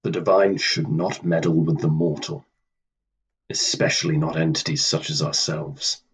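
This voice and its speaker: A man acting in a radio play as Death, a stern, weary immortal who speaks formally and coldly with a husky voice. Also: very deep voice, steady tone, exaggerated voice. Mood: cold, dismissive. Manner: deliberate, formal, cold, dismissive.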